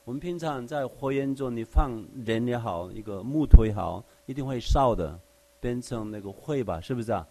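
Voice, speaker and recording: A man's voice: mid-range voice, lively intonation, moderate pace, darkish tone. A man teaching the Bible conversationally. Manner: asks rhetorical questions, checks in with the listeners often; explains verse by verse with everyday examples. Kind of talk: conversational Bible study sermon.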